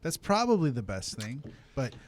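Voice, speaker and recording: A man's voice: mid-range voice, sing-song, moderate pace. A man co-hosting a soccer radio show, thinking aloud hesitantly with fillers in casual chat.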